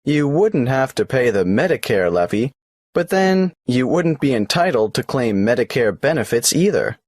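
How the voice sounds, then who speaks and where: Tax office clerk, lively up-and-down delivery, very dry sound, polite questions. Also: male voice, mid-range voice, moderate pace, no room sound. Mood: businesslike. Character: male tax office clerk, helpful and procedural. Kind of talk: scripted exam dialogue.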